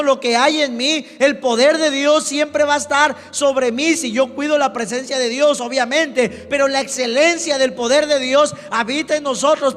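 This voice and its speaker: A man's voice: very high-pitched, a bit bright, big-room sound. A man preaching a sermon as pastor, emphatic, who keeps calling out to his congregation. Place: church.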